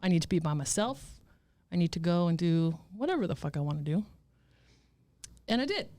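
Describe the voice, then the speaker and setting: A woman in her fifties telling stories as a guest in a casual interview, blunt, profane and animated. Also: on the low side, brisk. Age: 50s. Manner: animated storytelling.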